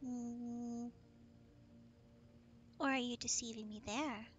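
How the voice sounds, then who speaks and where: Bubbly high-voiced woman streaming games. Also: slow pace. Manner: bubbly and playful, excited gasps. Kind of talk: casual gaming stream chat.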